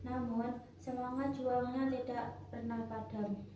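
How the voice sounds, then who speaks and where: A female pupil reading a text aloud to her class in a careful, steady way. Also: a little high, measured pace. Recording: very echoey room, far from mic, noisy.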